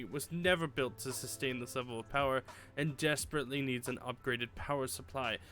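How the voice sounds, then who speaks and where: A man's voice: medium pitch, sharp tone, natural voice. Man hamming up a pompous panto-villain evil professor. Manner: theatrical panto-villain delivery, grandly pompous. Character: pompous megalomaniac male evil professor, gleefully menacing. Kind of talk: hammed-up reading of a villain's letter.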